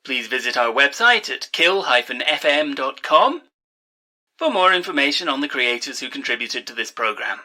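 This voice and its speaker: A performer playing a late-night radio host reads a scripted sign-off and credits in a theatrical announcer style, showy yet courteous. His medium-pitched voice is pushed and bright, with big pitch swings at a normal speed.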